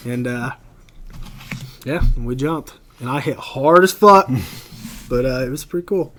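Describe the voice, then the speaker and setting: A man's voice: medium pitch, unhurried, a bit bright, slight background noise. A man in his thirties, a podcast guest telling army stories in a blunt, profane, casual way. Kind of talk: casual storytelling.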